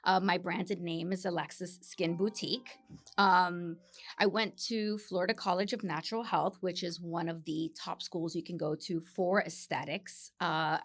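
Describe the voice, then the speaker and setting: A woman from Miami, a clinical esthetician, answering interview questions with enthusiasm and explaining her work with frequent fillers. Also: fairly low pitch. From Miami, United States. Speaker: guest, facialist and clinical esthetician.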